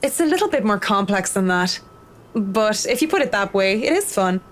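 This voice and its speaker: A blunt, cynical interior designer, voiced by a woman reading the game aloud. Her voice sits at an ordinary pitch, and she speaks dry and curt, lecturing with little patience. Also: sing-song, moderate pace, close to an everyday voice. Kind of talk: reading a visual novel aloud.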